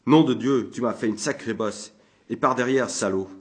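Un homme jouant un sergent ivre et brutal. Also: male voice, lowish voice, fairly even intonation, normal speed, lightly acted. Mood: drunken ranting. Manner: bellowing, slurred insults. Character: drunken brutish male soldier sergeant, belligerent.

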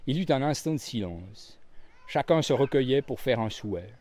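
A man narrating a storybook reading in an expressive, varied read-aloud voice. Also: medium pitch, moderate pace.

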